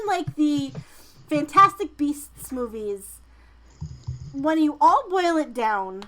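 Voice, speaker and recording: High-pitched woman chatting casually. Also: a bit bright, low-quality recording. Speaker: podcast co-host. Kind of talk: casual chat, partly reading news items.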